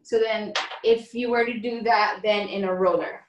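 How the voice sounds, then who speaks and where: A woman's voice: mid-range voice, fairly even intonation, normal speed, highs cut off. A woman in the class asks questions and repeats the steps back to check them. Her voice comes from across an echoey room, far from the microphone. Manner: inquisitive, restating to check. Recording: roomy, distant from the mic.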